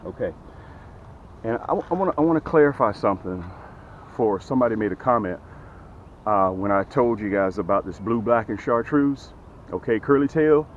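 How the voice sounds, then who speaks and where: By a lake, a middle-aged tackle seller records a fishing vlog and energetic sales pitch with the camera held near his face. He speaks at normal speed with long pauses, animated and gesturing, frequently repeating "okay?" and "guys." The audio is dull, with slight background noise.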